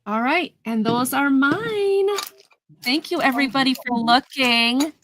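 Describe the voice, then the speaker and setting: A woman's voice: high-pitched, expressive, a little slow, background noise. A woman hosting a casual live vintage sale, chatting as she describes each item in detail and counts down the sales. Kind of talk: casual live-stream selling.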